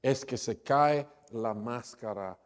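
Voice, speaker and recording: A man's voice: medium pitch, slow. A man preaching a sermon, retelling a story with quoted dialogue. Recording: long reverb of a church hall.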